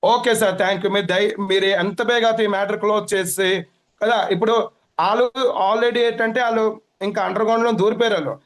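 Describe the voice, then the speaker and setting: A man with a Telugu accent talks in a high, rapid rush. He repeats himself as he hurries to lay out his complaint to the interviewer. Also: fairly even intonation. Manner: urgent, repetitive, rushing to explain. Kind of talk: agitated phone-in complaint.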